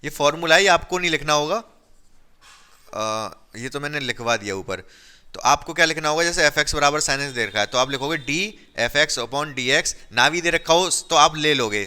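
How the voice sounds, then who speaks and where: A man's voice: on the high side, sharp tone, clear, resonant tone. A man teaching a maths class, talking through the steps while he writes and quizzing his students. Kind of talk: classroom lesson explaining at a board.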